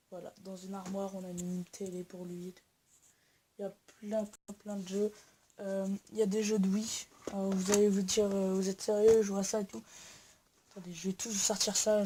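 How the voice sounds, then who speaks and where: Rambling young woman, dark tone. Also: medium pitch, a little hiss or hum. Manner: rambling with many fillers and restarts. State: sick. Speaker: YouTuber. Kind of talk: casual home-tour vlog. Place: at home indoors.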